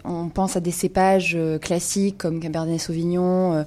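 A female wine columnist presents a radio wine segment in a lowish, level, darkish voice at a moderate pace. She explains informatively but hesitates often with "euh".

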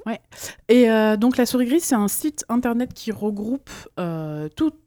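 A woman's voice: a little high, animated, unhurried, warm tone, dry recording, studio quality. A woman in her thirties co-hosting a casual podcast, reading listener mail with plenty of fillers and restarts. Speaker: podcast co-host. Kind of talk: casual chat.

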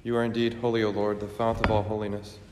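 A man's voice: lowish voice, flat delivery, fast talker. A man acting as priest, solemnly intoning liturgical prayers in a large church with long cathedral-like reverb. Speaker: priest celebrating Mass. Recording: roomy church hall echo, faint noise.

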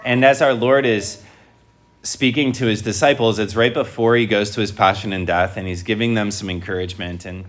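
Male priest, lowish pitch, church preaching and scripture reading, deliberate phrasing, addressing a congregation. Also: steady tone. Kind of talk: Gospel reading and homily to a congregation. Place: church, speaking before a congregation.

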